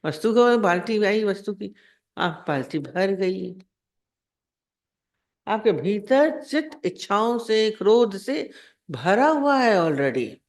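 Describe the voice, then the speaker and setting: A woman's voice: mid-range voice, expressive, slow, pauses often, darkish tone. A woman spiritual teacher giving a discourse, explaining in a conversational way with everyday examples and rhetorical questions.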